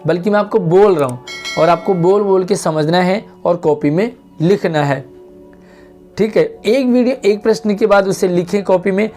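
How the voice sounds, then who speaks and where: A man's voice: sits high, darkish tone. A man teaching a Hindi lesson to schoolchildren, patiently reading lines of a play aloud and then explaining them.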